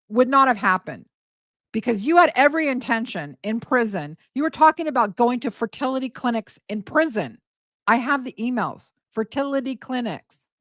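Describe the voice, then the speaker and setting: A woman's voice: on the high side, a bit bright, no echo. A middle-aged woman hosting reaction commentary, sarcastic and scoffing as she argues back at a clip. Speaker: commentary channel host.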